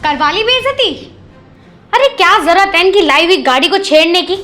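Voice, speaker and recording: An actress playing a resentful elder sister-in-law who complains sarcastically and taunts, in a scripted family comedy scene. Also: female voice, extremely high pitch, lively intonation, normal speed, sharp tone, full character voice. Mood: taunting. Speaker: actor in a family comedy skit.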